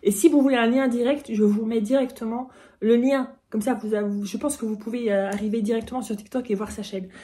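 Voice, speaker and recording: A woman vlogging an unboxing in a casual chat, bubbly and excitable, often breaking into giggles. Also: a little high, brisk.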